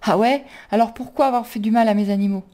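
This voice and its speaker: A woman's voice: fairly high pitch, fast talker, warm tone, natural voice. A woman reading a storybook, voicing a frightened, defiant young woman who spits out tense, angry words.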